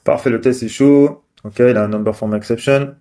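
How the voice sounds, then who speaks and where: A man's voice: medium pitch, fairly even intonation, normal speed, mellow. A man casually talking through code on screen, thinking aloud with many fillers and restarts. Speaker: developer live-coding host. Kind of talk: casual screen-share commentary.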